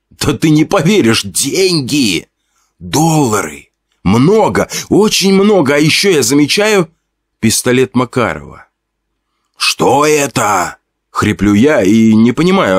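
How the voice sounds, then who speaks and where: A man's voice: medium pitch, husky, no room sound. A man narrating a first-person horror story in a conversational way, with fillers and asides to the listener.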